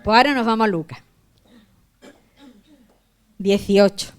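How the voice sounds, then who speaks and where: A woman pastor, reading scripture aloud with feeling and then praying in a softer tone. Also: medium pitch, a little slow, clear, resonant tone. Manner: reads aloud with feeling, raising her voice on the cries of the blind men; softer, hushed tone when praying.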